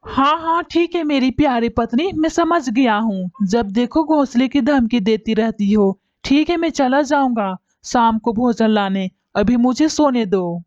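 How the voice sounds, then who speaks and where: A woman's voice: fairly high pitch, unhurried, few pauses, darkish tone, dry recording, lightly acted. A woman voicing a lazy, thieving male bird in a cartoon, grumbling and whiny. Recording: dull lo-fi recording.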